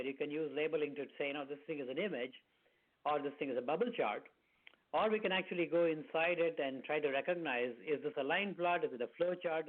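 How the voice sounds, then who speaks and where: A man giving a technical presentation over a video call, explaining slides to listeners. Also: fairly high pitch. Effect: heard over a video call. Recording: tinny phone-like call audio.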